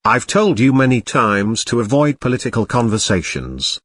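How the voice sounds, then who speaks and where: Brief: man playing a robot cat, formal and dry, pitch moves a lot, dry close sound. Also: big pitch swings, normal speed, a bit bright, no room sound. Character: prim male robot cat commentator. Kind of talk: scripted commentary over clips.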